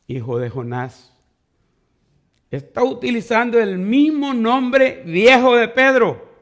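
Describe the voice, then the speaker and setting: A man's voice: high-pitched, vocal fry, fairly bright tone. A man preaching a sermon as pastor, teaching step by step and leaning on quoted questions. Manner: teaching Bible study, explains words step by step.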